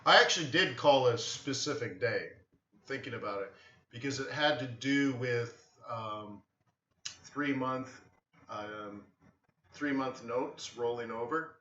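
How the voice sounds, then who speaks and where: A man's voice: medium pitch, slow. A man hosting a live trading stream, telling rambling stories in casual chat. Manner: rambling, storytelling, animated with acted quotes. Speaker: forex trading livestream host. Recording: roomy, distant, slightly dull sound.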